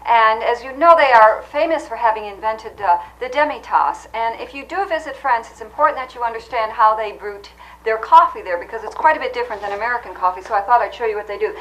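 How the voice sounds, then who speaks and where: A woman hosting a comedy cooking segment, explaining absurd claims in an earnest, deadpan way. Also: a little high, quick pace, poor audio. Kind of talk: deadpan mock cooking demonstration.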